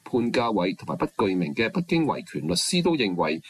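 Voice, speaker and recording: A man reading a scripted news report in a measured, formal delivery. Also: on the low side, big pitch swings.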